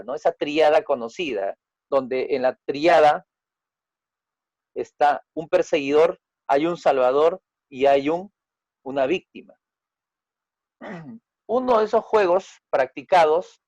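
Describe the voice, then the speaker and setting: A man teaches a group lesson as a family therapist. His voice sits a little high and sounds dry and close, with no room around it. He explains patiently and keeps checking that his listeners follow. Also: a little mellow, no echo, dull audio. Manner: acts out quoted dialogue with raised pitch and volume.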